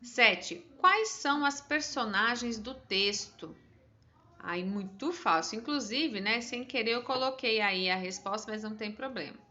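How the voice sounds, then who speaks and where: A woman's voice: on the high side, lively intonation, a little slow, pushed and bright, highs cut off. A woman with a Brazilian Portuguese accent, a teacher patiently walking her pupils through a test with encouraging, chatty asides.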